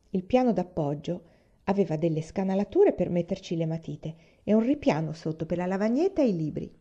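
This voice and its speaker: Calm and measured, a female reader narrates a children's novel, shifting her voice upward for the characters' lines. The recording has a dull sound.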